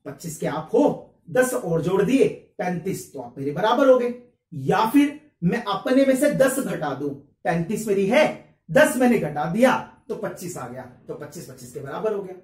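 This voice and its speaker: A man's voice: high voice, very animated, normal speed, a little mellow. A man teaching a maths lesson, chatty, putting questions to the students and answering them himself. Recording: roomy echo, mic at a distance.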